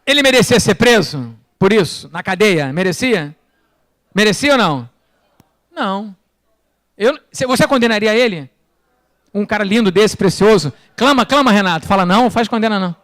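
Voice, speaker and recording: A male pastor with a Brazilian accent delivers a lively church sermon in a high, bright-pitched voice. He keeps asking the congregation questions and drops from loud bursts to quiet, low asides. The sound is dry, with little room echo. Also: moderate pace, pauses often. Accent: Brazilian Portuguese. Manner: animated preaching, rhetorical questions to the congregation.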